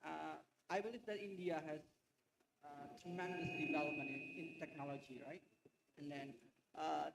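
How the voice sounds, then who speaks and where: A young man from Indonesia politely asking a question from the audience at a conference. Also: on the high side. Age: young adult. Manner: formal, polite. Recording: roomy hall mic with loud noise.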